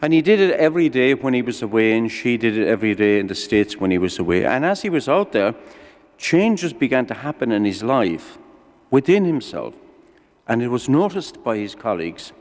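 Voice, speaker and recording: Male preacher, lilting storyteller delivery of a sermon, mid-pitched voice in a long-reverb hall. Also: sing-song, moderate pace. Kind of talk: sermon with storytelling and everyday examples.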